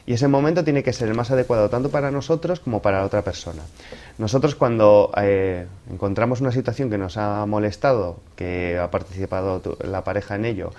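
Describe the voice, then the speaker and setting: Male guest expert, lowish voice, didactic and example-led interview delivery. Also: a little mellow. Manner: didactic, explains through examples. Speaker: expert guest giving relationship advice. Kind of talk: explanatory interview talk.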